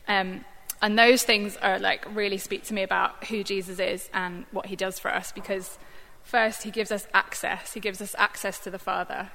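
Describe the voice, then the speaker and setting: Bright-voiced woman giving a reflection. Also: medium pitch. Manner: conversational, thoughtful, many fillers. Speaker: church staff member giving a Bible reflection. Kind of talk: informal sermon reflection. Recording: long hall reverb.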